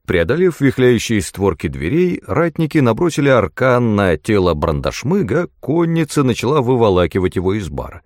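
Low-voiced expressive male narrator. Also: no room sound, clean studio sound. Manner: expressive, dramatic storytelling. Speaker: audiobook narrator. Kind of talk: scripted first-person fantasy narration.

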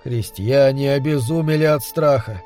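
A man's voice: mid-range voice, moderate pace, a little mellow, soft background music, lightly acted. A man voicing a desperate, anguished husband pleading for help against a vampire. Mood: hopeless. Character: desperate middle-aged man haunted by a vampire. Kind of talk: audiobook character reading.

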